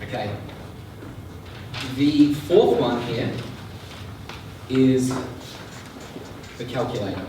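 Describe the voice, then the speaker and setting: A man's voice: medium pitch, lively intonation, extremely slow, long pauses, noisy background. A male sales trainer teaching a live seminar, chatty and often checking that the audience is following. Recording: echoey room, mic far off.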